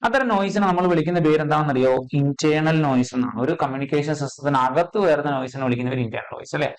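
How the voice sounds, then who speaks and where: A man teaching an exam-prep physics lesson, checking in constantly with quick questions and repeating key terms. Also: fairly high pitch, low-quality recording.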